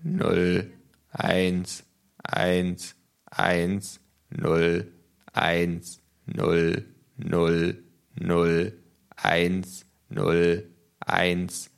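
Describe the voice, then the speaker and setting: A man's voice: low-pitched, extremely slow, gravelly, long pauses, smooth, exaggerated voice. Man doing a droning old man, mechanical. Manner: monotone, mechanical. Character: strange old man in dusty coat, droning.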